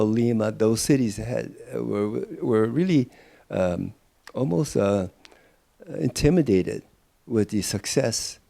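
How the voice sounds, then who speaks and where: An older man from Peru explains events at an unhurried, thoughtful pace, stopping to search for words. His voice is gravelly, low and mellow. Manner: thoughtful, explanatory, with many fillers. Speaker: interviewee. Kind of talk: oral history interview.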